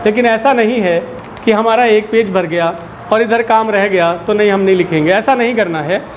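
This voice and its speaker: A man's voice: sits high, normal speed, slight background noise. A man teaching a Hindi lesson to a school class, patiently asking questions and repeating the key words. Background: children in the classroom.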